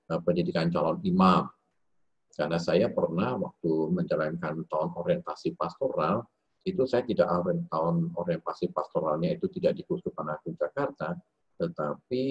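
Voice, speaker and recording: Deep husky priest guy thinking out loud, lots of eh and restarts, muffled lo-fi call audio. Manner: halting, with many fillers and self-corrections. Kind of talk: reflective spoken lecture. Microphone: video call.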